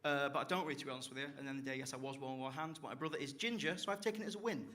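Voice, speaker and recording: A man's voice: medium pitch, racing, very noisy. A young man from South Yorkshire with a South Yorkshire accent, doing a live stand-up set on a comedy club stage with cheeky, sweary banter aimed at the crowd. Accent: South Yorkshire English. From Barnsley, South Yorkshire, England.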